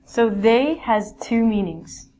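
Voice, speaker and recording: Slow, patient woman teaching English grammar. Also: fairly high pitch, animated, dark tone. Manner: slow, patient explaining with example sentences. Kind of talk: online grammar lesson.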